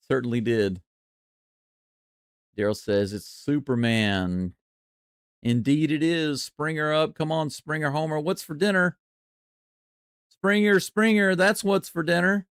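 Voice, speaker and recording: A man gives live baseball play-by-play with a fan's running reactions. His voice sits in a middle register, and he moves between easy chatter and excited calls. The sound is close and dry. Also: mid-range voice, dry recording. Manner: excitable, chatty, jumps from calm to loud cheering. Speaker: play-by-play streamer.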